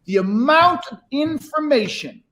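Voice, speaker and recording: A man's voice: very high-pitched, animated, unhurried, sharp tone. A man coaching sales in a blunt, emphatic, lecturing way, swearing freely and firing off rhetorical questions. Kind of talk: live unscripted sales coaching critique.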